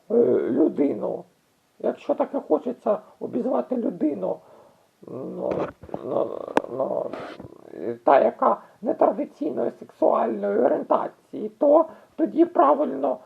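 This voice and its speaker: A woman explaining word usage in a casual video, halting often with restarts and drawn-out fillers. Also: on the high side, big pitch swings, gravelly, slight background noise. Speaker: language explainer. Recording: tinny phone-like audio.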